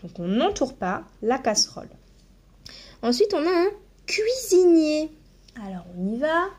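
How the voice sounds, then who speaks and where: A woman teaching a phonics lesson to young children, slowly sounding out each syllable with long buzzing sounds and checking in with them after each point. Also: sits high, big pitch swings, a little mellow. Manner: slow, deliberate, sounds out syllables with drawn-out buzzing. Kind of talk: primary-school phonics lesson.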